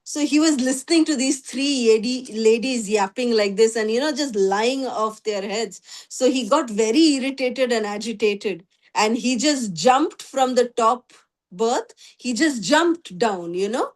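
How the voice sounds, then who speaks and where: Woman, high voice, devotional teacher speaking over a video call, loose storytelling delivery. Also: measured pace. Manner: storytelling, with frequent "you know" fillers. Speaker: spiritual class teacher. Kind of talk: devotional scripture class. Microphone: online video call.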